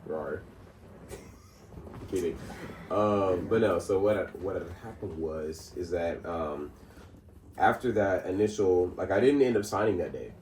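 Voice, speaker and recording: This podcast co-host has a low, darkish voice and a measured pace, heard from a distance with roomy sound and faint noise. His casual storytelling rambles, with frequent laughter, lots of fillers and many restarts.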